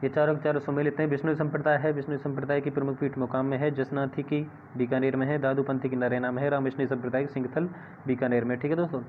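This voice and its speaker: A man's voice: mid-range voice, little pitch movement, quick pace. A man teaching an exam-prep lesson, often asking viewers a question and answering it himself. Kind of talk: classroom-style exam lesson. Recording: tinny phone-like audio with faint hiss.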